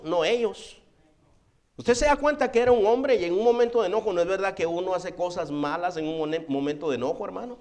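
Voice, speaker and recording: Pastor, man, high voice, emphatic sermon, calls folks brother. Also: a little mellow. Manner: emphatic, repeatedly addresses listeners as brother.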